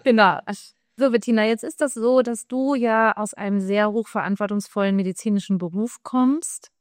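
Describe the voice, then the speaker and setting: A woman's voice: medium pitch, normal speed, no room sound, studio quality. A woman hosting a podcast, introducing her guest in a chatty, enthusiastic way. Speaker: podcast host. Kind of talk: casual podcast chat.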